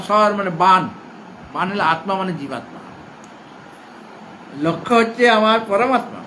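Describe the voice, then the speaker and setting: A man teaching a scripture class at an ashram, explaining patiently, rephrasing and repeating points, and reciting verses slowly in a chanting cadence. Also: high voice, fairly bright tone, a little hiss or hum, poor audio. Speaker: spiritual teacher. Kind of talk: scripture lecture to students.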